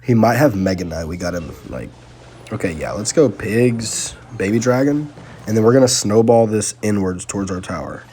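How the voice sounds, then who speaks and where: A young man giving casual, excitable live commentary on his own gameplay, talking slangily to his viewers. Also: on the low side, normal speed, slight background noise. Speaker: gaming channel host. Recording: faint music underneath.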